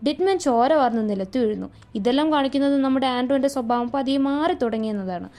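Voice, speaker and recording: Fast-talking woman recapping a movie. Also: sits high, warm tone. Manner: brisk, storytelling, plain delivery.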